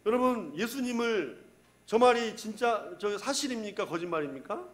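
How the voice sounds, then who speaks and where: A middle-aged man preaches a sermon in a high voice that climbs and drops with animated swings. He repeats his key phrases for emphasis and keeps asking the congregation questions. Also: moderate pace. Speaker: pastor.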